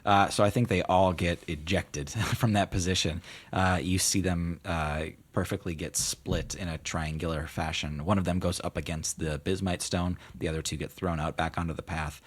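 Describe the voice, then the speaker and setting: A man narrating a tabletop game as game master in a casual, halting, improvised way. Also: low-pitched, fairly even intonation, breathy edge.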